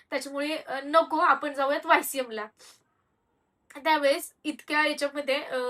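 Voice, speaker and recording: Young woman vlogger, candid and rambling, bright tone, distant mic. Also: high voice. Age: young adult. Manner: candid, rambling, with frequent hesitations and restarts. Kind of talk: personal storytelling to viewers.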